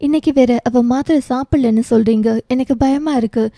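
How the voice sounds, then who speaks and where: A woman's voice: high voice, fairly quick, mellow, no room sound, studio quality. A woman voicing a caring adult woman who speaks in a practical, urgent way. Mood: anxious.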